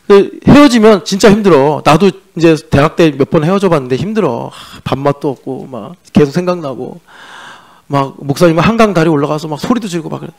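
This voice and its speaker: Joking Korean pastor, fairly high voice. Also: male voice. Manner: conversational and joking, teasing the congregation; mixes in sung-style English lyric lines. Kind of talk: sermon. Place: church sanctuary.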